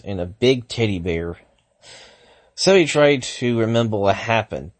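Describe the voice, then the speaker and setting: A man's voice: fairly low pitch, dry recording. A man reading fan fiction aloud, stumbling over words, correcting himself and stopping to react to the text. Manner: stumbling, frequent self-corrections and restarts. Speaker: fanfiction reader.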